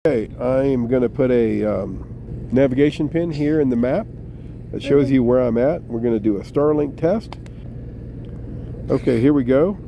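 A man casually walking through his campsite as he films, talking in a relaxed, rambling way with many fillers. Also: medium pitch, normal speed. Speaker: vlogger. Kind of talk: casual walkthrough narration. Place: outdoor mountain campsite. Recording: outdoor camera audio with clear background noise.

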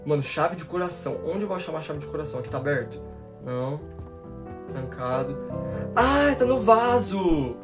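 Speaking fast in a slightly high voice, a nineteen-year-old gaming YouTuber with a Brazilian Portuguese accent provides slangy commentary on a horror game while game music plays. He's panicky and easily startled, shrieking and rattling off the same words over and over as he addresses viewers.

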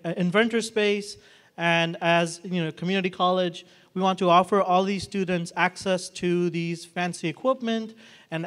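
A man in his thirties hosting a college event on a handheld microphone in a large hall, speaking off the cuff with many restarts and fillers. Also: high voice. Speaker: event host. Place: large hall with red walls and a projection screen.

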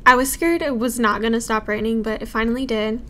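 A woman's voice: a little high, fairly even intonation, brisk, bright, forceful tone. Bubbly young woman vlogging outdoors. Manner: bubbly, gushing, giggly. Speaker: travel vlogger. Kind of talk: casual travel vlog. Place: outdoors in a rainy city park. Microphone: handheld phone or camera at arm's length.

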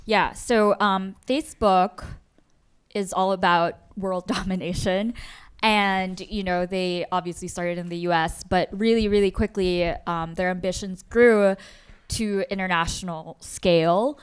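On an auditorium stage, a guest journalist from the Philippines, a woman in her thirties whose first language is Tagalog, gives hesitant, conversational answers as she thinks aloud. Speaking into a handheld microphone at chest level, she has a smooth, medium-pitched voice that stays steady and unhurried.

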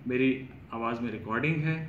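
A man's voice: mid-range voice, a little fast, narrow, tinny audio, background noise. A man, explaining his English pronunciation course to students and repeating words to show how they sound. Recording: echoey room with faint ambience.

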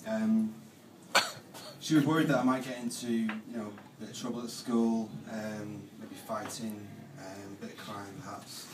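A young man doing stand-up in a halting, deadpan way full of ums. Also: on the low side. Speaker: stand-up comedian. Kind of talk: stand-up comedy set. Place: comedy club stage. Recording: roomy live club, distant mic, noisy.

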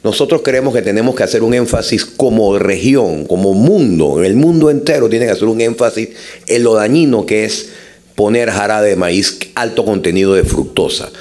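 A man's voice: on the low side, animated, moderate pace, a little mellow. A man in his sixties with a Panamanian accent, explaining points emphatically as a conference delegate. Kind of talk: formal but extemporaneous conference remarks. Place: large conference hall. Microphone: gooseneck table microphone.

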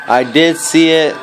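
The young gaming video maker, just fourteen, points his handheld phone at a screen indoors and chats loosely and haltingly about his play. His mid-range voice is a bit bright, and the game's music runs behind him.

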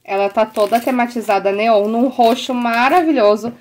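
A young adult woman with a Brazilian Portuguese accent, a teacher chatting excitedly to the camera as she unboxes stationery and breaks into delighted exclamations. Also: fairly high pitch, moderate pace. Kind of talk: casual unboxing chat to the camera.

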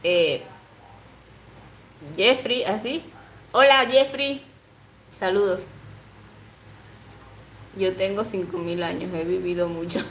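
A woman's voice: medium pitch, takes it slowly, long pauses, a bit bright, echoey room, a little hiss or hum, rough recording. A woman in her twenties chatting casually on a livestream, reading comments aloud, giggling often and cooing baby talk to her pet. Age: 20s. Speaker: livestream host.

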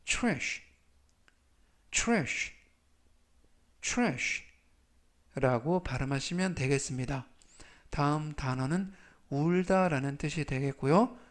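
A man teaching English vocabulary in a slow, deliberate lesson. He has a Korean accent and reads each word three times with clear enunciation. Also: on the high side.

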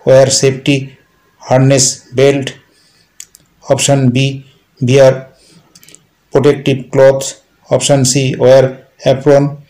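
A man reading multiple-choice quiz questions and answers aloud as a teacher, in a steady, repetitive listing manner. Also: mid-range voice, low-quality recording.

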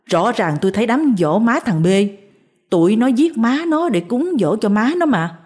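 An older village woman, frightened and insistent, her voice pitched high and pleading in urgent bursts, as a woman narrator puts her on. The tone stays mellow and warm beneath the alarm. She is a figure in a spoken storybook tale. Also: expressive, moderate pace, husky.

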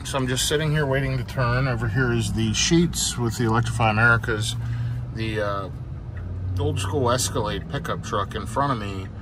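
A middle-aged man casually narrating his drive from inside a moving car, unhurried and halting, with frequent filler sounds. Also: mid-range voice. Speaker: EV road-trip vlogger. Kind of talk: casual narration while driving. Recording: loud car road noise. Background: loud road and engine noise.

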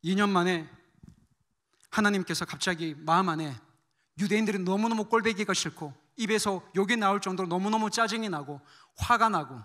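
Missionary guy giving a sermon, lively storytelling, keeps asking the congregation stuff, bright voice. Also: high-pitched. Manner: animated storytelling, quizzing the congregation. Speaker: missionary guest preacher. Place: church service.

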